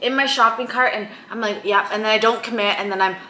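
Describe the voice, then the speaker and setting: Tipsy, bright-voiced young woman in echoey room. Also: on the high side, steady tone, fast talker. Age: young adult. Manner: tipsy, giggly. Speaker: co-host of a friends' Q&A. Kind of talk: casual group chat. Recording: echoey room, faint background noise.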